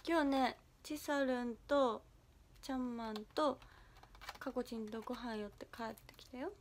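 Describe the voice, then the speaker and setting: A woman's voice: fairly high pitch, a little slow, a little hiss or hum. A young woman hosting a livestream, chatting playfully and bashfully with viewers and giggling as she reads their comments. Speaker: idol livestream host.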